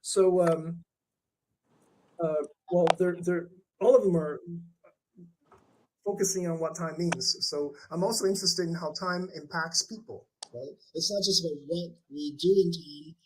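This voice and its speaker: This rough recording, carrying a little hiss or hum, features a man from Canada being interviewed about his art. He sounds slightly high-pitched, keeping a steady tone and measured pace while he reflects thoughtfully, often using fillers and starting over.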